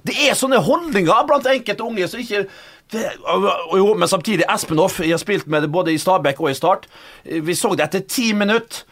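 A man's voice: high voice, fairly bright tone. A man, a former footballer, telling rambling anecdotes on a podcast with frequent laughs.

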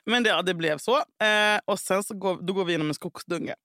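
A woman in casual podcast chat, telling a story in an animated way, swearing freely and acting out what people said. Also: on the low side, no room sound, clean studio sound. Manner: animated, swears a lot, acts out quotes. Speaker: podcast co-host.

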